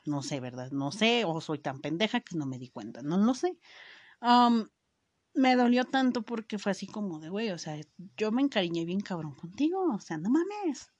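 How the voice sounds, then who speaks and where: A woman's voice: lowish voice, a little mellow, no room sound. A young Mexican woman chats straight to her viewers, spilling a personal story in loose, slangy speech peppered with swearing and fillers. She keeps cutting herself off and starting over. The sound is dry and close, with no room around her voice. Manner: frequent self-interrupting restarts. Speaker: vlogger.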